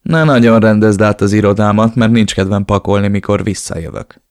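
A man's voice: fairly low pitch, darkish tone, no room sound, studio quality, close to an everyday voice. A man voicing a smug, cruel male villain who taunts and threatens. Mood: taunting. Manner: mocking, taunting.

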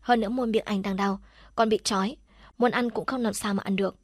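A woman reading a dramatic story aloud as an audiobook narrator, in a steady storytelling manner. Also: mid-range voice, brisk, breathy edge, no echo, clean studio sound.

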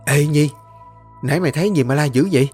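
A man voicing a bossy teenage schoolgirl who leads her friends in a brisk, firm tone. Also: on the high side, faint music behind, voice pushed up, close to an everyday voice. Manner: forcing calm, then bossy and brisk.

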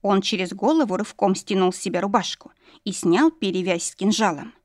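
A woman narrates a novel in the first person, steady and expressive. Her voice sits at a middling pitch and the recording is close and dry with no room sound. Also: a little fast, no room sound. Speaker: audiobook narrator.

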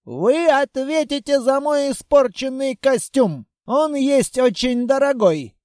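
A man's voice: very high voice, lively intonation, slow, a little mellow, no room sound, clean studio sound, voice pushed up, full character voice. A man voicing a pompous, fat foreign villain who sputters indignantly in broken speech. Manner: shrieking, sputtering, broken grammar.

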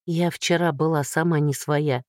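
A woman voicing a hoarse, whispery young heroine in an audiobook, remorseful and loving. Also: low voice, steady tone, normal speed, no room sound, clean studio sound, natural voice. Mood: pleading, tender. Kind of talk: audiobook reading.

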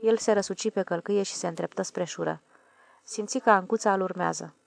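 Woman audiobook narrator, calm and measured, with a gravelly voice. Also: medium pitch, no room sound.

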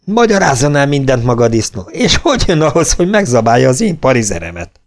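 A man voicing an angry, coarse army sergeant in an audiobook, shouting insults. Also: on the low side, completely flat delivery, smooth, dry recording, clean studio sound, faint music behind, lightly acted. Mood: furious.

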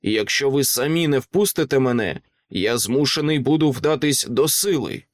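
A man's voice: medium pitch, moderate pace, dry recording, clean studio sound, lightly acted. A man voicing a resolute middle-aged male lawyer who speaks firmly and commandingly. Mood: insistent.

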